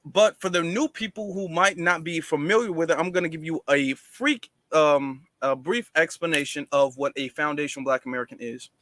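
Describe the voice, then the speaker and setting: A man's voice: a little high, moderate pace, hardly any pauses, fairly bright tone, no room sound. A man hosting a casual livestream, explaining at length to viewers with many fillers and restarts. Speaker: livestream host.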